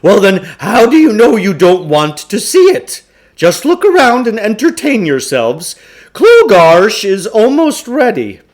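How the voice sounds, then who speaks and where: A man reading aloud performs a pompous storybook huckster, a showman lecturer peddling crackpot mind-control theories, in a very high, projected voice. Heavily acted, a little slow and a little mellow, his pitch swoops wildly as he grandly invites listeners in. He lectures grandiosely, treating each idea as a revelation and referring to himself in the third person.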